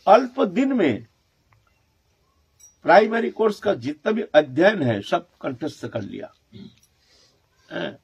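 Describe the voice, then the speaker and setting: A male monk, delivering a devotional storytelling sermon in an emotive manner that swings from hushed to fervent. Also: a little high, big pitch swings, slow pace, gravelly, long pauses, slightly rough. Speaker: monk preacher.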